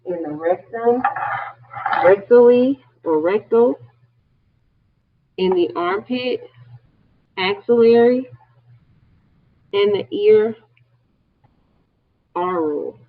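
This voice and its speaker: A man with a high, husky voice explains a lesson step by step, adding a light joke now and then. The sound is thin and tinny, like a phone line. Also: takes it slowly, long pauses. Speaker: nursing instructor. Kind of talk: online class lecture.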